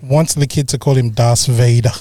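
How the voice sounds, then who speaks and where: A man's voice: mid-range voice, steady tone, normal speed, mellow, dry recording, clean studio sound. A man co-hosting a podcast with slangy, joking banter. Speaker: podcast co-host. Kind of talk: casual banter.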